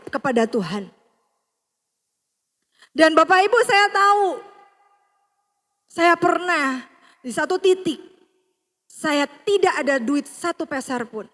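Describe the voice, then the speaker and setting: A woman with a high voice preaches to a congregation, turning to them again and again. She swings from loud, stressed lines to soft, hushed passages. Her voice rings out in a church hall with a long echo. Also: animated, takes it slowly, long pauses. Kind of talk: sermon with personal testimony.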